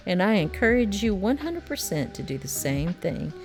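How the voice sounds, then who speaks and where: A woman's voice: medium pitch, sing-song, normal speed, darkish tone, soft background music. A middle-aged woman with a Southern accent, chatting through a watercolor painting tutorial in a folksy, encouraging way. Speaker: watercolor art teacher.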